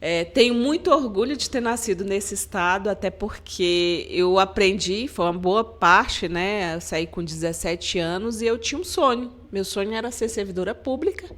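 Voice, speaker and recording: A woman's voice: medium pitch, moderate pace, hardly any pauses, fairly bright tone. Earnest woman from Maranhão, Brazil. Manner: earnest, storytelling, frequent "né?" tags. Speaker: guest, government agency head. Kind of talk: podcast interview.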